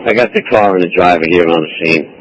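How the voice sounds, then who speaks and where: A man's voice: deep voice, quick pace, a bit bright. A man reporting to dispatch as a firefighter over two-way radio, procedural like marine radio. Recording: noisy two-way emergency radio.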